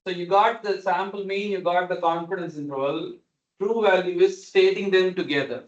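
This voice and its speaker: Male lecturer, slightly high voice, didactic question-and-explain delivery, dull lo-fi video call audio. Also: normal speed. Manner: didactic, repeats and checks understanding. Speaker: lecturer teaching numerical methods. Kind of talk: explanatory online class, questioning students. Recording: dull, lo-fi online meeting audio.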